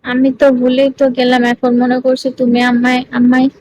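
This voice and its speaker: A woman with a high, bright voice chats into her phone during a live stream. She teases and coaxes her viewers in a playful way and giggles between lines. A faint hum of ambience sits behind her. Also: monotone, brisk, low-quality recording. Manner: playful and teasing, coaxing viewers.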